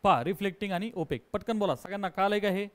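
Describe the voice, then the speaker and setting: High-voiced quizzing physics teacher. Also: male voice. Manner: quizzes students with rapid repeated questions; mixes English terms into his talk. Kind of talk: classroom lesson.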